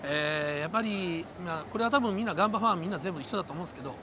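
A middle-aged man speaks quickly and eagerly, pausing on fillers. His voice sits a little high. Traffic noise of a busy street fills the background. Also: animated. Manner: eager, hesitant with many fillers. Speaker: company president, sponsor guest. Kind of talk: street interview. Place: outdoors on a busy city street.

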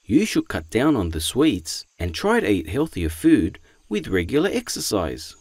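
A man voicing a calm, caring male cartoon friend who gives soft-spoken advice. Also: on the low side, a little slow, no room sound, exaggerated voice. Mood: advising. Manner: gentle, advising, soft-spoken. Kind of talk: animated children's cartoon acting.

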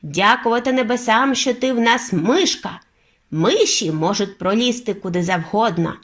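A woman reading an audiobook and voicing an elderly grandmother who speaks calmly and deliberately. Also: a little high. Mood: determined. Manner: measured, unhurried, knowing. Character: calm, determined elderly grandmother.

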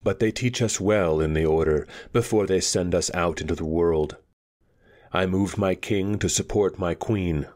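Man reading a fantasy tale, really deep voice, slow and steady. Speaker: audiobook reader. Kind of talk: scripted fantasy narration.

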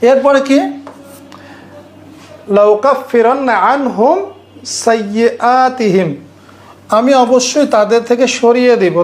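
A woman teaching an Arabic grammar class, reciting verses slowly and explaining them step by step while quizzing her students. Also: mid-range voice, darkish tone. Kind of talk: online class lecture.

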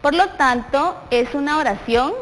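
A woman's voice: high voice, unhurried, a bit bright. A young woman with a Guatemalan Spanish accent teaching a primary school class on television, encouraging the children and answering her own questions. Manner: encouraging, asks questions and answers them herself. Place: TV studio set with a desk. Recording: long reverb, faint background noise.

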